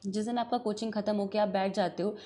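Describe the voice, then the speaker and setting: A woman's voice: medium pitch, fairly even intonation, quick pace, dark tone. A woman law teacher, talking earnestly to her class and mixing Hindi with English, stern but caring. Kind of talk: classroom talk to students.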